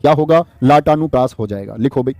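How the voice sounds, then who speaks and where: A man's voice: mid-range voice, quick pace, warm tone, no echo. A man teaches grammar in a live online class, quizzing his students and reading out their comments. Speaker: Hindi exam-prep teacher.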